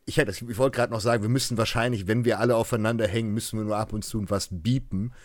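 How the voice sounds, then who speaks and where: A man in a casual group conversation, speaking loosely and haltingly with coarse wording. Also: on the low side, steady tone, no echo.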